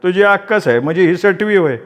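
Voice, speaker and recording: A snarling village thug, coarse and taunting, voice pushed up higher than a plain talker's and hurling threats, as a man puts him on. he sounds drunk on his own swagger, in a storybook reading. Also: lively intonation, quick pace, long reverb tail. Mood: threatening. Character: drunken rural bully man, spiteful and boastful.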